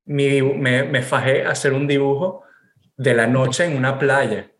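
A Venezuelan man with a Venezuelan accent co-hosts a podcast, telling stories in a casual chat with animated, casual swearing. His pitch is medium, his speed normal, and the recording is reverberant.

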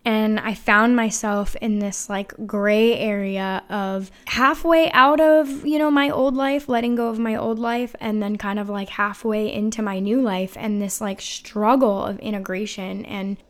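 Woman in her 30s doing a solo podcast, earnest and confessional, kinda emotional, middle pitch, lots of you know and like. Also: steady tone, measured pace, few pauses, clean tone. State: emotional, voice wavering. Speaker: podcast host. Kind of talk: reflective solo podcast talk.

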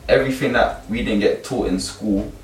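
A man's voice: on the low side, moderate pace. A man with a London accent chatting casually in emphatic street slang, like a youth mentor. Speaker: youth mentor and course teacher. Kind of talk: casual chat. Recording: roomy, distant mic, faint background noise.

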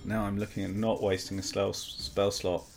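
A man's voice: on the low side, level tone, moderate pace, vocal fry. A man playing a tabletop game, hesitant and good-humoured as he describes his actions. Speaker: player. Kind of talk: casual tabletop play.

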